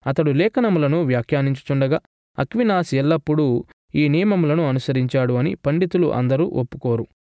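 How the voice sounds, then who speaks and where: A man giving a scripted theology lecture in a measured, formal reading style. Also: a little high, lively intonation, mellow, dry recording, highs cut off.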